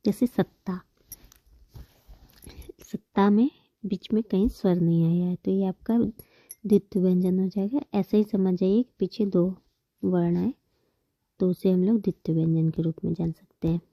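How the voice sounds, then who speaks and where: A woman's voice: on the low side, steady tone, normal speed, pauses often, dark tone, no echo. A woman teaching a Hindi grammar lesson, patiently explaining terms, repeating them and counting examples aloud.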